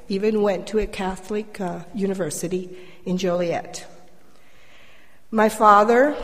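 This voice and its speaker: An older Colombian woman with a medium-pitched voice shares a prepared personal story as a member of a church. She speaks in a measured way with wry humour, her voice carried by a microphone through a reverberant hall.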